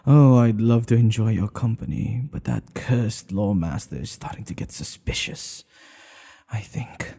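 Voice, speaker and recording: A man voices an older king who is smitten, in an ASMR boyfriend roleplay: teasing and regal, with courtly language and breathy delivery that frequently drops near a whisper. He performs in full character voice, lowish and warm.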